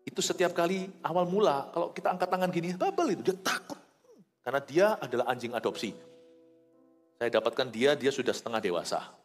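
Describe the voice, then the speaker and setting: Animated preaching man in an echoey hall. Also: a little high, fairly quick, faint music behind. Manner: animated, acts out quoted voices, swings from loud to hushed. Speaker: pastor. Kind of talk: sermon.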